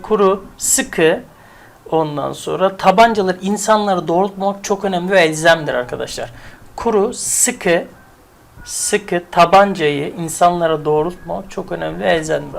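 Chatty woman teacher with a gravelly low voice. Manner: chatty, repeats words, builds memory tricks. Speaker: English vocabulary teacher. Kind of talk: casual spoken lesson.

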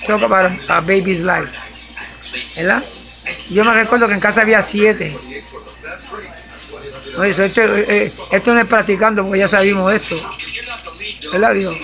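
High gravelly older man preaching. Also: fairly even intonation, moderate pace, long pauses, over music. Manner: preachy, mixes Spanish and English. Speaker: grandfather. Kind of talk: casual home video talk. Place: home.

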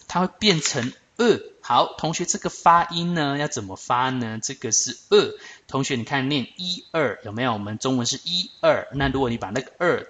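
A man teaches a grammar lesson in a lively, up-and-down voice at a middle pitch. He explains patiently, keeps checking in with his students and slows down to spell out each form. Faint keyboard typing sits under his voice. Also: slight background noise. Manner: patient, explanatory, addresses students directly with frequent check-ins; slows down to spell out French forms. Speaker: French teacher.

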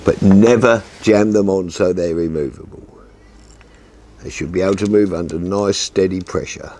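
A man in his sixties calmly explaining a fishing setup step by step, seated outdoors at a garden table and talking into a lapel mic. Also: deep voice, moderate pace. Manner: calm, methodical, practical explanations. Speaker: fishing instructor. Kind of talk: step-by-step tutorial.

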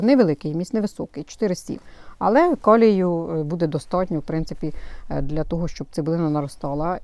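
A woman's voice: fairly low pitch, dark tone, no echo. A woman hosting a gardening channel, explaining things in a chatty, hesitant way with lots of fillers, outdoors in her flower bed while filming herself. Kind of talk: casual gardening how-to. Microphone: self-filmed camera.

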